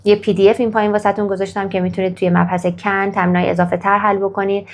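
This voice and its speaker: A woman teaching an English grammar lesson, with a gravelly edge to her voice. She pronounces example sentences slowly and deliberately, then explains them and encourages the listener after each practice line. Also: mid-range voice, level tone. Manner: slow, careful model sentences in English, then Persian explanation; coaxing, praises the viewer after each exercise.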